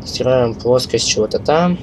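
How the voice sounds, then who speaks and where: A man's voice: medium pitch, lively intonation, moderate pace, low-quality recording. Man with burred r's, game streaming. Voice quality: burr, has trouble pronouncing his r sounds. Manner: profane, stumbles while reading aloud. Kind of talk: casual gaming commentary, reading on-screen text aloud.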